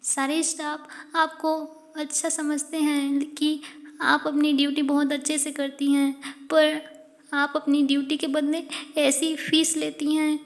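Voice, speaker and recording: A woman's voice: sits high, monotone, measured pace, big-room sound. A woman voicing a hurt, tearful young woman who accuses her partner, in an audio story.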